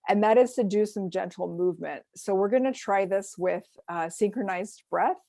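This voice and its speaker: A woman leads a self-care workshop over a video call, her voice carrying a gravelly fry. She explains things gently, pausing on ums and uhs, and the sound is close and dry with no room around it. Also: mid-range voice, dry recording. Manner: gentle, explanatory, with frequent fillers. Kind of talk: online workshop presentation.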